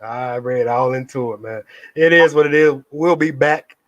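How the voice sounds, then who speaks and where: A man's voice: mid-range voice, moderate pace, a bit bright, dry recording, highs cut off. A man hosting a casual live interview, talking in a laid-back, slang-heavy way. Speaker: interview host.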